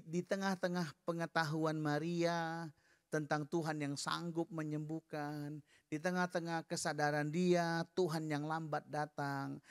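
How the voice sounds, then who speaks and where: Animated man preaching a sermon. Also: a little high, clean tone, no echo, studio quality. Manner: animated, leads the congregation in reading aloud together; conversational, addresses the listeners directly.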